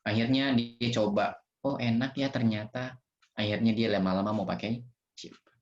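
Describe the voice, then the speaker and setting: A man teaching children in an online Q&A lesson, gentle and patient, with playful examples. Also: lowish voice, steady tone, normal speed. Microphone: video call. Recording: roomy, dull video-call audio.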